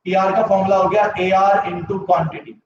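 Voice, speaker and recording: High-pitched with little pitch movement, a man speaks at a measured pace against background noise. He is lecturing a live online economics class through a sore throat, adding English terms and putting yes-or-no questions to students. The recording comes out echoey, distant and somewhat dull.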